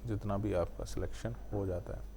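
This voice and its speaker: A man's voice: lowish voice, fairly even intonation, fairly quick, background noise. Man walking through editing steps. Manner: explains step by step, often adds the tag question "है ना"; mixes English technical terms into Hindi. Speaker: video editing tutor. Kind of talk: screen-recorded software tutorial.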